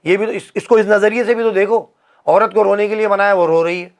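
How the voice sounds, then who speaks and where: A man's voice: high-pitched, fairly even intonation, brisk. A man, hosting a casual comedic chat and ranting opinions while acting out the voices he quotes. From Pakistan. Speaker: podcast host.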